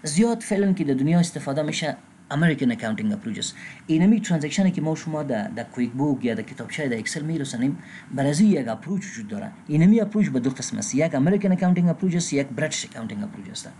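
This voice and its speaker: A man with an Afghan Dari accent gives a recorded accounting lecture, reading English terms slowly and pausing with filler sounds. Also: on the high side, big pitch swings, dark tone, a little hiss or hum. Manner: frequent filler sounds and restarts. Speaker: accounting instructor.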